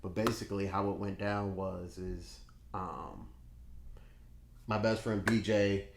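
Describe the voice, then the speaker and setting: Laid-back low-voiced man co-host. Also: steady tone, slow pace. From Metro Detroit, Michigan. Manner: laid-back, rambling storyteller. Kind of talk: casual podcast chat. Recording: echoey room, faint noise.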